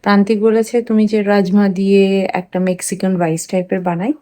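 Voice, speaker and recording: A woman's voice: mid-range voice, little pitch movement, a little fast, mellow. Chatty Bengali woman vlogging at home. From India. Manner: chatty, talks to viewers while cooking, mixes in English words. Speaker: family vlogger. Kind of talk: casual vlog narration.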